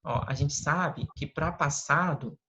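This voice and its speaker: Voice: mid-range voice, slow pace, sharp tone. A Brazilian English teacher with a Brazilian Portuguese accent, patiently explaining step by step in an online lesson over a video call. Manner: patient, explains step by step, often adds tag questions. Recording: lo-fi call audio with faint noise.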